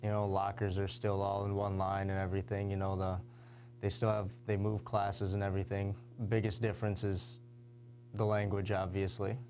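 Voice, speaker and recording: A young man, a high school athlete, answering interview questions casually with lots of fillers. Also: completely flat delivery, normal speed, a little mellow, a little hiss or hum. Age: young adult. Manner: casual, lots of "you know" and "kinda".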